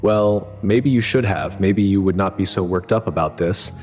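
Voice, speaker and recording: Condescending young adult daughter, voiced by a deep-voiced male narrator. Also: moderate pace, darkish tone, big-room sound, soft background music, lightly acted.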